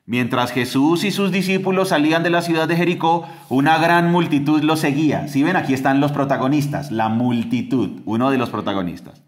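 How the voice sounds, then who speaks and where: A man, co-hosting a podcast and giving an animated Bible teaching. He keeps asking the listeners rhetorical questions. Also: a little fast, hardly any pauses. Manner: animated, acts out quoted voices with big pitch jumps.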